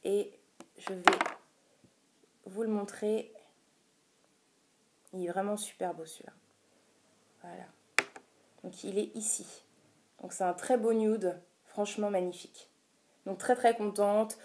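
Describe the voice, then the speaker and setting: A woman with a soft, mellow tone talks her way through a casual beauty haul. She is chatty and hesitant, pausing often on filler sounds as she goes. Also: medium pitch, steady tone, a little hiss or hum. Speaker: beauty vlogger. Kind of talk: casual product haul vlog.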